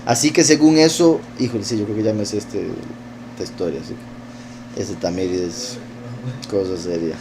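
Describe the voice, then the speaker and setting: A man's voice: lowish voice, normal speed, long pauses, noisy background. A man teaching his congregation. He reads a text aloud and keeps breaking off to explain it in an informal, digressive way, with frequent hesitations. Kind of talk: conversational scripture teaching.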